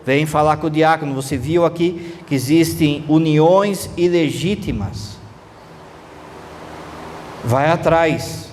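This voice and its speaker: High-voiced priest preaching. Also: male voice, slow pace, pauses often. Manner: conversational, animated, uses rhetorical questions. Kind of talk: sermon. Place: church. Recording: reverberant church hall, faint noise.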